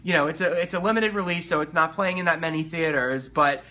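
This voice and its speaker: A man with a bright, somewhat high voice gives informal commentary as a reviewer. He rambles and halts, repeating words as he goes. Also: fast. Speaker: movie reviewer. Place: New York area.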